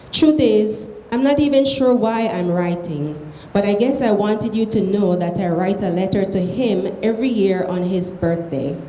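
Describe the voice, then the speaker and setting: A woman with a Belizean accent reading literary fiction aloud in a measured, expressive way. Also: mid-range voice. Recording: echoey room, faint background noise.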